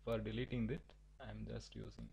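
A man teaching a software tutorial, giving halting step-by-step instructions with frequent restarts. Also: lowish voice, big pitch swings, vocal fry, breathy edge, low-quality recording. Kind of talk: screen-recorded software tutorial.

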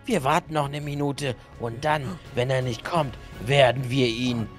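A man's voice: mid-range voice, fairly even intonation, a little slow, soft background music, close to an everyday voice. A man playing a mocking male kidnapper who gloats over his threats in a game role-play. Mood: impatient. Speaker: villain in a Minecraft role-play.

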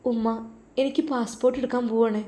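A woman voicing a gentle, devout young wife who speaks softly and earnestly. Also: on the high side, fairly even intonation, quick pace, natural voice.

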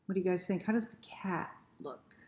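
A middle-aged library storyteller reads a picture book to children in a small indoor room, frequently asking them questions and inviting them to join in. Her lowish voice is brisk and darkish, and the recording sounds roomy with faint background noise.

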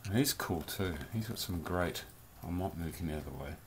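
A man's voice: low-pitched, moderate pace, background noise. A man casually reviewing a collectible toy in a rambling, chatty vlog from his home beer cellar. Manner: chatty, rambling, loose slang.

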